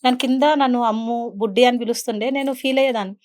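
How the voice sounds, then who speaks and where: A woman speaking as a talk-show guest, telling her own story in an earnest way. Her voice sits a little high, and her words come quickly. She often slips English words into her speech. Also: steady tone, a little mellow. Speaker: interview guest. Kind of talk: emotional personal storytelling in an interview.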